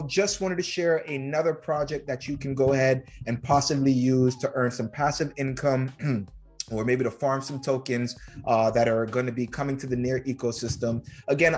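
A man in his thirties hosting his own channel, talking viewers through a screen-share in a relaxed, filler-heavy way and calling them guys, recorded at home on a desk mic. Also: mid-range voice. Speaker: crypto channel host. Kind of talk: casual screen-share walkthrough. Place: home room.

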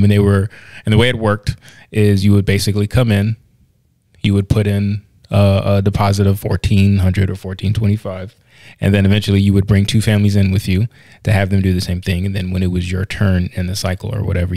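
With a deep, creaky, dark voice and a completely flat delivery, a man co-hosts a podcast at a slightly fast clip. He's talkative and laughs easily in the casual talk, often restarting sentences amid many fillers. The recording has no room sound.

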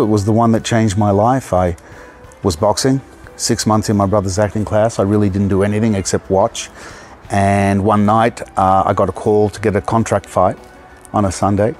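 A man in his fifties from Australia, an actor telling stories in a relaxed outdoor interview with a lapel mic. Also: lowish voice. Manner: relaxed storytelling, laughs often. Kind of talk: casual interview. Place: outdoor garden.

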